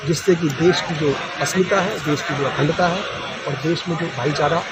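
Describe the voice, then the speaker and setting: A man's voice: fairly high pitch, normal speed. A man answering a reporter's questions at a farmers' meeting, speaking earnestly and formally, sometimes restarting his words. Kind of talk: spontaneous on-the-spot interview. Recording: outdoors with loud background noise. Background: loud outdoor ambience.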